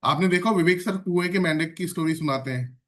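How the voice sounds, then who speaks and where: An energetic man running an online sales training session speaks briskly in a slightly high voice. He tends to repeat phrases and regularly checks in with trainees by asking questions.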